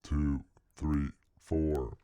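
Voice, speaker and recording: A counting voice warped down in pitch and speed, like a tape machine winding down. It sounds extremely deep, slow and dark. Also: male voice, level tone, clean tone, heavily acted. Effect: pitched down and slowed like a tape winding down. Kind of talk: counting playback of a processed recording.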